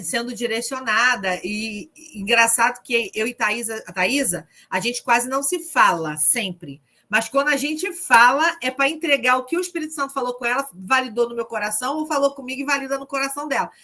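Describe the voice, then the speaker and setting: Woman leading an online prayer group, lively and joking, bright clear voice. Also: on the high side, brisk, hardly any pauses. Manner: lively, humorous, testimony-telling. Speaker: discipleship group leader. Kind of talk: informal preaching to an online group.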